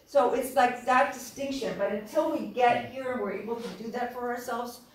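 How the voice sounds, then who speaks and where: A woman facilitating a group workshop, speaking calmly and reflectively with gentle pauses. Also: on the high side, a little hiss or hum. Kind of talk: guiding a group session. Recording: echoey room, distant mic.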